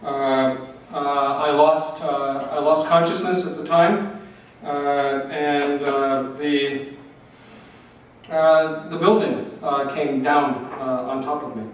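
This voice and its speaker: A man interpreting a talk into English, searching for words with halting restarts. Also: on the high side, steady tone. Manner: halting, many fillers and restarts. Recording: echoey hall from far off with faint noise.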